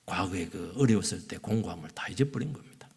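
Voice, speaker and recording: A man preaching a sermon as pastor in a church, swinging between loud exclamations and hushed asides. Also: low voice, animated, fast, husky. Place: church sanctuary. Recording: long reverb of a church hall.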